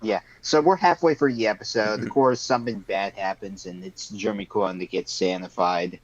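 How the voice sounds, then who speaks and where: A man's voice: on the low side, normal speed, lo-fi sound. A man chatting casually with friends on a group call, rambling with lots of fillers. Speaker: podcast panelist.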